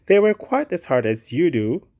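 A man reading aloud, voicing an earnest, kind-hearted young gentleman in a raised, eager tone. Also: fairly high pitch, big pitch swings, normal speed, voice pushed up.

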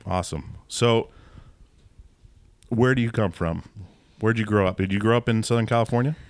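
A podcast host with a fairly low voice asks friendly, rambling questions at a moderate pace in a casual interview. It was recorded indoors at a theater venue, with no echo.

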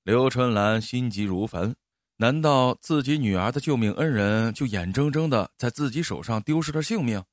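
A male storyteller reads a tale with expressive delivery, his pitch rising and falling a lot. His voice sits in a middle register. The recording is dry and close. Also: moderate pace, dry recording. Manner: expressive, animated reading. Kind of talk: storytelling narration.

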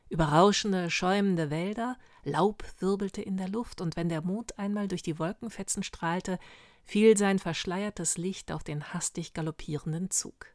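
A woman narrating a story slowly and dramatically, sometimes dropping to a hush. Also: on the low side, no room sound, studio quality. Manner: slow, dramatic storytelling with hushed passages. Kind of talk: audiobook narration.

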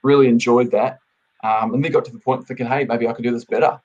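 Kiwi man, guest on a casual podcast, thoughtful and unhurried with lots of ums, muffled lo-fi sound. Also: medium pitch. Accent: New Zealand. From New Zealand. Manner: steady, thoughtful storytelling with many fillers.

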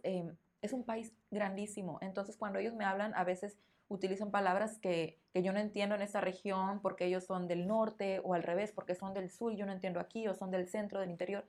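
A woman's voice: mid-range voice, a little mellow. A woman with a Mexican accent, a Spanish teacher hosting a podcast, explaining thoughtfully and repeating words as she searches for them. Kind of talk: conversational podcast interview.

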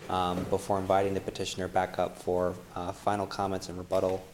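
A man's voice: low-pitched, monotone, a little fast, darkish tone, a little hiss or hum. A man chairing a formal public meeting as commission chair, heard through a meeting room mic. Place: council chamber meeting room.

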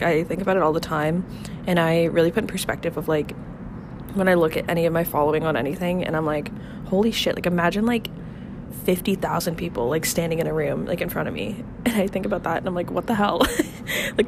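A twentysomething woman rambles through her casual solo podcast on an outdoor apartment balcony, amid background noise. Her lowish, gravelly voice holds a steady tone at a fairly quick pace, sounding a bit nasal and congested from a cold. Fillers, laughs and swearing come up constantly.

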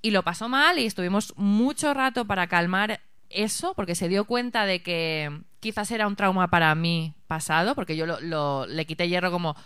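A woman co-hosting a casual podcast, telling anecdotes in an animated way. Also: on the low side, normal speed, smooth, no echo, clean studio sound. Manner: animated storytelling. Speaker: podcast co-host. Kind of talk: casual chat.

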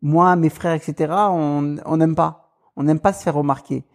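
Interviewee, man, Tunisian family, grew up in France; hesitant, restarts, somewhat high, dark tone. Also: steady tone, normal speed. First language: Tunisian Arabic. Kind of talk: casual conversation.

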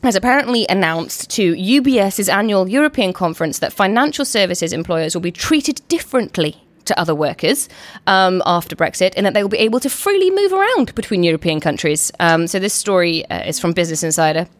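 Fast-talking woman hosting a panel. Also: medium pitch, animated, no room sound. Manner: chatty, quick, lots of restarts. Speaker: podcast host. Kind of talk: casual panel discussion.

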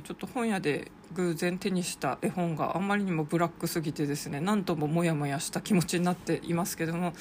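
A podcaster talking in a polite, rambling monologue, padding sentences with soft filler phrases. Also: mid-range voice, slight background noise. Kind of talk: casual solo podcast monologue.

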